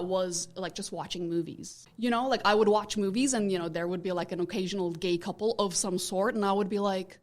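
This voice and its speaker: A woman in her thirties from Turkey with a Turkish accent, a podcast guest in casual chat who rambles and circles back to restate her points. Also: mid-range voice.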